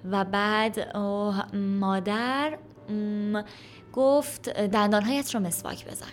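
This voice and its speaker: Hesitant small schoolboy as a woman puts him on, halting, full of ums, slow stop-start delivery, higher voice than the reader's. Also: lively intonation, soft background music, close to an everyday voice.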